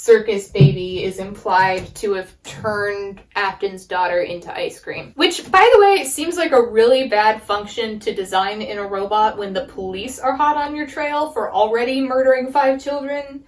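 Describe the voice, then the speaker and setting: A woman hosting casual, comedic game lore commentary in an animated, sarcastic way with drawn-out emphatic words. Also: medium pitch, rough recording. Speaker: video essay host.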